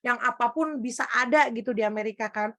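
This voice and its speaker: A woman from Indonesia preaching a testimony sermon to a congregation, telling her story in a lively way and often turning to address her listeners directly. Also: a little high, a little fast, dry recording, clean studio sound.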